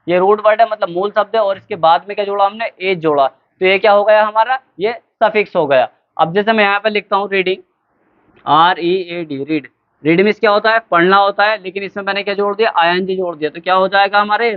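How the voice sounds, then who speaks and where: A male teacher with a high, clear, smooth voice walks students through a grammar lesson. He quizzes them, answers his own questions, and spells words out slowly letter by letter. The recording is thin and tinny, like a phone line. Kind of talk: classroom lesson.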